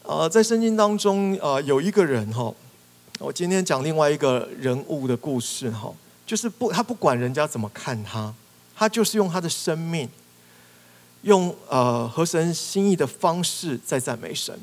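A man's voice: a little high, animated, moderate pace. A male pastor preaching a sermon, animatedly acting out prayers and cries with rising emphasis. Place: church hall. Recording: reverberant church hall.

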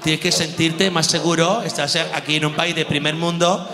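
A man doing a calm buddy. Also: echoey room, long reverb tail, crowd noise, close to an everyday voice. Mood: reassuring. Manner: slow, calming, lower voice. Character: laid-back Spanish male friend, soothing. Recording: music playing behind.

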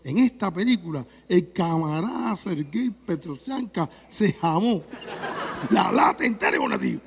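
A man with a Cuban accent doing a stand-up comedy monologue, telling the story with animated cries and sound effects. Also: high voice, moderate pace, gravelly, husky, in a large hall.

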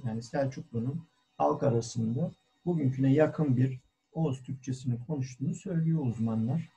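Gravelly husky man lecturing online. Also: mid-range voice, dark tone. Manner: deliberate, formal, many hesitant "e" fillers. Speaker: guest lecturer, cultural historian. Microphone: video call. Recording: dull lo-fi online call audio.

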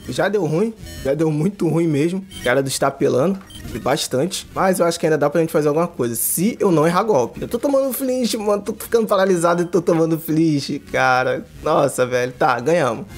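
A young man giving excited, slangy, casual commentary while playing a game. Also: on the high side. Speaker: gaming YouTuber. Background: game music.

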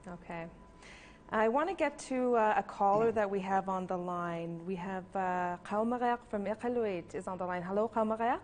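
A woman's voice: mid-range voice, moderate pace, a little mellow. A woman hosting a live phone-in interview in a television studio, polite and composed. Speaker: television host. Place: large television studio, indoors.

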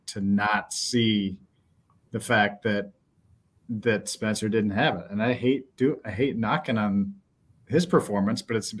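A middle-aged man talking sports on a podcast, his voice a little husky and rough. He speaks bluntly and with animation, full of fillers and restarts. He is heard through a headset on a video call from a small office. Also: fairly low pitch. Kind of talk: casual postgame chat.

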